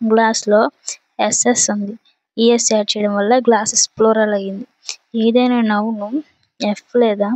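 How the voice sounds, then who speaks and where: Woman, Telugu accent, grammar teacher, methodical step-by-step delivery, slightly high voice, dry sound. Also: no room sound, poor audio. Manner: steady, explains step by step with examples. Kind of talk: explaining a grammar lesson.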